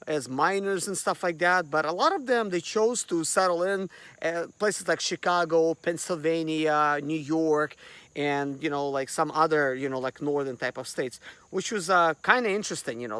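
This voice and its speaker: The Russian vlog host talks casually to camera again, his rambling speech packed with fillers like "like" and "you know." He sounds on the high side and fairly bright in a dry recording.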